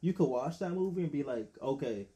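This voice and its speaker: A man's voice: fairly high pitch, expressive, brisk, warm tone. A man hosting a podcast, talking casually in loose slang, often laughing and trailing off mid-thought. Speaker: podcast host. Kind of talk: casual chat.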